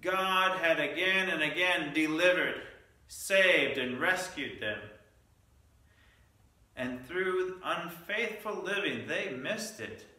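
A man preaching a Lenten sermon in a very bright, ringing voice, pitched a little above average. He sounds set back from the mic, with heavy echo filling the sanctuary. He tells his stories with asides and quick restarts. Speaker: pastor. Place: church sanctuary. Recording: echoey church sanctuary, mic at a distance.

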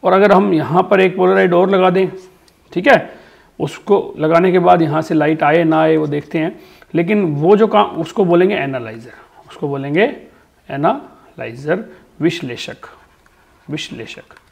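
A man's voice: fairly high pitch, a little slow, vocal fry, muffled recording. A man teaching a physics lesson, explaining step by step, repeating key terms and answering his own questions. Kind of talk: classroom lecture.

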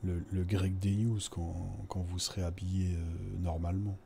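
A man voices a tired street dweller with a very deep, flat voice. He rambles bluntly and crudely, with no polish at all. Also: moderate pace, creaky, slight background noise. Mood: weary. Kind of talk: casual role-play dialogue.

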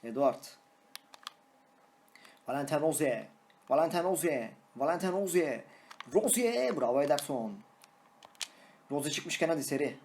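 A young man, a gaming YouTuber, giving excitable live commentary on his own match, shouting and singing at goals and teasing his opponent. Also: a little high, unhurried, pauses often, a little hiss or hum.

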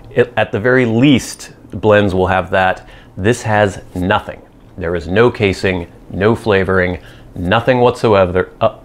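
Low-pitched man giving an informal review. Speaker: pipe tobacco reviewer. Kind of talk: informal product review talk to camera. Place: small indoor room with cloth backdrop. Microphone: lapel mic.

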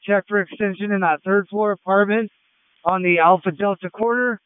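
Man, urgent firefighter radio, terse orders, high clear voice, narrowband two-way radio. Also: steady tone, normal speed, no room sound. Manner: terse, directive. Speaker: fire engine lieutenant on scene.

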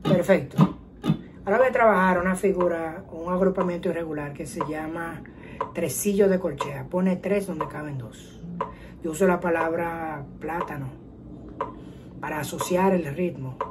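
A woman teaching a guitar lesson, explaining calmly step by step and counting rhythms out loud. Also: on the low side, moderate pace, a little hiss or hum, rough recording. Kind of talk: casual music lesson. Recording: guitar and metronome playing behind. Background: guitar playing and metronome clicks.

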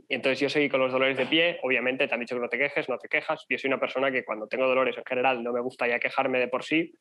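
Young male speaker, quick and conversational, filler-heavy storytelling, mid pitch. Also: fairly bright tone. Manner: fast, chatty, many fillers. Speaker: conference speaker. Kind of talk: personal story told to an audience.

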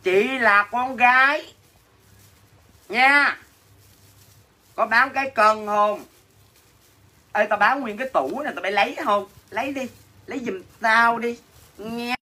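This livestream seller and host speaks with a Southern Vietnamese accent and an extremely high pitch, slowly and with long pauses. His tone is bright and forceful as he reads out viewer comments and replies in theatrical, teasing, mock-complaining banter during a casual sales chat.

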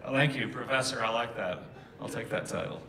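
A man's voice: medium pitch, brisk, distant mic. A man with a Southern American accent, a singer-songwriter doing joking stage banter, teasing the crowd between songs at a live bar show. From Southern United States. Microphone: stage microphone. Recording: echoey live bar recording. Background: guitar and loud music.

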